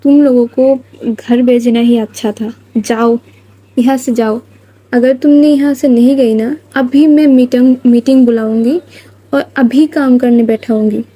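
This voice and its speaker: A woman's voice: a little high, fairly even intonation, measured pace, no echo, poor audio. A woman voicing a bossy, scolding young woman. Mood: angry scolding. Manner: sharp, commanding scolding. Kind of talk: storybook narration with voiced lines.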